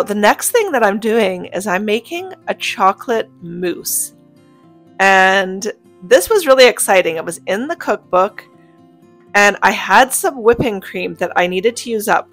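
A woman narrates a homemaking cooking vlog. Her voice sits at an ordinary middle pitch, and she talks to viewers in a cheerful, chatty way. Soft guitar music plays faintly underneath. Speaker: homemaking vlogger. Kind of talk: cook-with-me voice-over narration.

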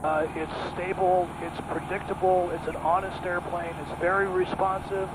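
A middle-aged man, a pilot for an aircraft company, explaining enthusiastically and at a measured pace in a small plane's cockpit through a headset mic. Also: sits high, flat delivery, noisy background. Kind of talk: casual cockpit conversation. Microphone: headset boom mic. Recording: loud engine drone behind.

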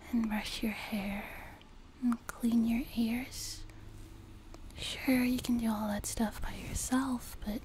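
In an intimate ASMR roleplay, a woman voices a sweet, nurturing young demon girl, whispering softly and breathily in a gentle, reassuring, slow manner. Her voice is on the high side. A close binaural mic captures it, along with noticeable background noise.

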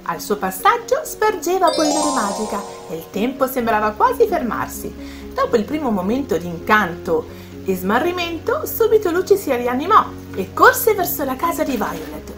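Animated, high-pitched woman storyteller addressing children, faint music behind. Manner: animated, speaks directly to the children. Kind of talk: children's bedtime story narration.

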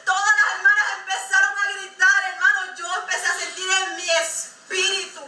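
A woman's voice: extremely high pitch, little pitch movement, moderate pace, bright, forceful tone. A woman giving an impassioned testimony sermon at a church service, exhorting the congregation. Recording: echoey room, mic far off.

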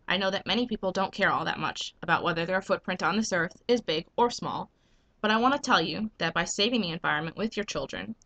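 Sharp in tone and medium in pitch, this young US vlogger and business owner is catching a cold. Sitting at her desk webcam in a small home room, she pushes her point earnestly and emphatically, posing question after rhetorical question.

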